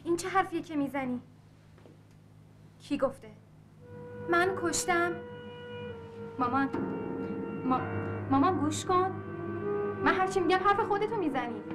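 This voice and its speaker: A defiant young nurse. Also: female voice, very high voice, expressive, pauses often, over music. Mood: pleading. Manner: earnest, insistent, pleading then scornful. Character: anxious young woman nurse, defensive and defiant. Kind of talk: film dialogue.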